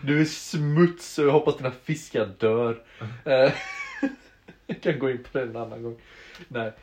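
A man's voice: mid-range voice, a little mellow. A young man co-hosting a casual podcast, telling stories with laughter and plenty of swearing. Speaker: podcast co-host. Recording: roomy, dull lo-fi sound.

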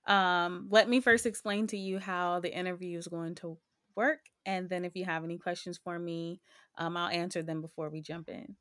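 A young woman hosts her own podcast in a relaxed, reflective way. She often pauses on "um" between thoughts. Her voice sits a little low. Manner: reflective, with frequent ums. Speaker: podcast host. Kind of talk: casual podcast talk.

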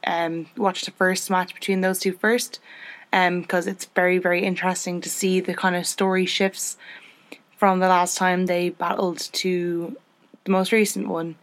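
A young woman hosting a podcast in casual chat, chatty and self-deprecating, her pitch jumping up when she gets excited. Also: a little slow, dry recording. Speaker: podcast host.

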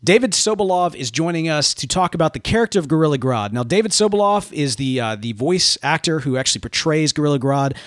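A tenor-voiced man hosts a podcast with eager, geeky enthusiasm. His voice sits fairly high for a man. The recording is dry and close. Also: sing-song, fast talker, hardly any pauses, no room sound. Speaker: podcast host. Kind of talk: podcast interview and intro.

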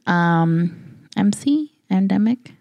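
A woman's voice: mid-range voice, animated, takes it slowly, gravelly, warm tone, no echo, lo-fi sound. Laid-back swearing podcast woman. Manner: laid-back, swears casually, laughs often. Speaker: podcast co-host. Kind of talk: casual podcast chat.

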